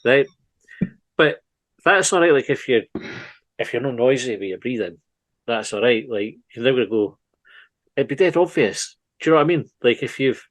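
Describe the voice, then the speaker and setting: A man's voice: mid-range voice, animated, moderate pace, long pauses, dry recording. Sweary Scottish man, dry close sound. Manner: sweary, rambling, easily breaks into laughter. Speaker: podcast co-host. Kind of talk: casual comedy podcast chat.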